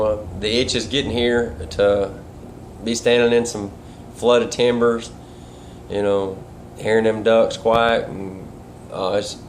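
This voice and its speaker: Folksy guy rambling through a casual tutorial, loose grammar, medium pitch, some noise in the background. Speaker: duck calling instructor and caller. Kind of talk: casual instructional vlog talk.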